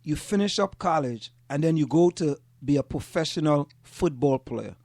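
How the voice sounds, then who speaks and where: A man from Trinidad hosting a casual talk show, an animated storyteller who acts out what others say into a studio microphone. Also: on the high side, normal speed, no echo. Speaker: host.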